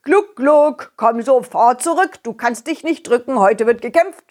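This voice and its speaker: A woman voicing an eager male knight in a children's story, calling out loudly. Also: a little high, lively intonation, a little slow.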